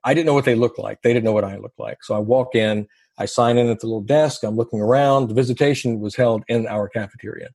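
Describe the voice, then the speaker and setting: Husky man telling his story. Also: medium pitch, steady tone, fast talker, a little mellow, no echo. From American South. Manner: wry, self-deprecating storyteller who laughs easily. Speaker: guest. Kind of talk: conversational storytelling interview.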